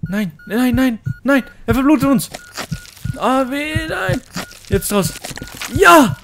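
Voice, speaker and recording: A young man's let's-play commentary, high-pitched and full of big leaps in pitch. He talks in a frantic rush, yelling and pleading at the game. Faint music plays under his voice. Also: expressive, slow pace, gravelly. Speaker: gaming YouTuber.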